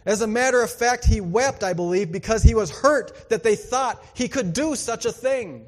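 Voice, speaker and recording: High-voiced man preaching in an echoey hall. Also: normal speed. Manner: conversational preaching, swinging from emphatic to hushed. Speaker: pastor. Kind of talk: sermon.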